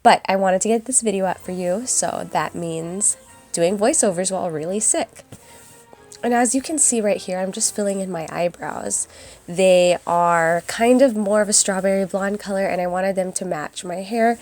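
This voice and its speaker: A young woman with a raspy, hoarse voice from a cold, chatting casually through a makeup tutorial voice-over. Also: mid-range voice, normal speed, a little mellow. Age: young adult. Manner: chatty and upbeat, addresses viewers as guys. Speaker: beauty vlogger. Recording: voice-over with faint music behind.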